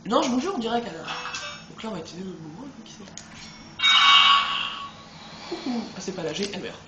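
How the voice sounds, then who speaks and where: A man chatting excitedly to viewers as he plays through a video game. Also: high voice, fast, echoey room, loud music behind the voice, rough recording. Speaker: let's play host. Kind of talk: gameplay commentary.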